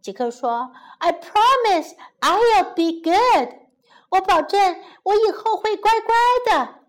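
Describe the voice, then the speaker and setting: An eager, cheeky young boy from a children's storybook, as a woman narrator puts him on. His voice is high and bouncy, rising and falling with excitement. He speaks slowly and clearly. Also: full character voice. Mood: excited.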